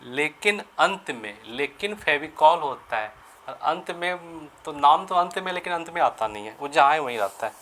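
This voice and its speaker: A man teaching English grammar in Hindi, explaining each sentence step by step and slowing down to spell out the English phrases. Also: fairly high pitch, expressive, sharp tone, a little hiss or hum. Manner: repeats and rephrases sentences, asks and answers his own questions. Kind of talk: Hindi-medium grammar lesson.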